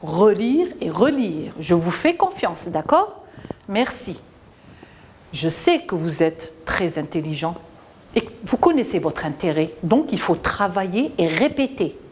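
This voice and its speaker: A woman teaching a televised reading lesson to children, stretching and singing syllables up high and dropping low to praise. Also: very animated, darkish tone, slight background noise. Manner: slow, drawn-out syllables sung up high, then drops low to praise.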